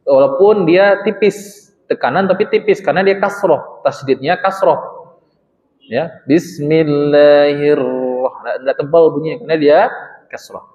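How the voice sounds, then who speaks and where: A man's voice: on the high side, darkish tone. A man, a religious teacher, giving a study-circle lesson on Quran recitation, stretching out recited phrases and quizzing his listeners. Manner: slowly drawn-out recitation demonstrations, quizzes the congregation. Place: mosque hall. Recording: echoey mosque hall, dull sound.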